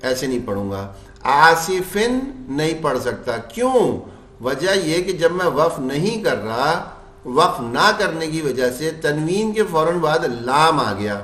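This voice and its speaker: A man teaching Quran recitation rules. He puts questions to his class and answers them himself, and he chants the example verses slowly. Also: fairly high pitch, very animated, a bit bright, reverberant.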